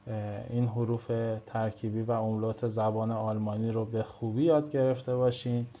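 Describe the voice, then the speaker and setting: A man's voice: lowish voice, level tone, dark tone. A Persian-speaking man teaching German pronunciation in a video lesson, explaining patiently and repeating each example word.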